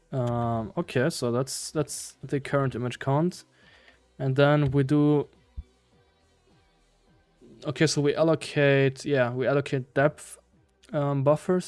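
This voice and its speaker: Man, German accent, slow pace, smooth clear voice, casual live-coding commentary, hesitant thinking aloud. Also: mid-range voice, a little mellow, no room sound. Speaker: live-streaming programmer.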